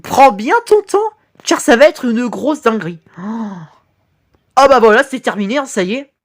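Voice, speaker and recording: A woman talking as an excited anime fan in a casual, sweary reaction commentary, gushing with slangy exclamations. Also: a little high, moderate pace. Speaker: reaction video host.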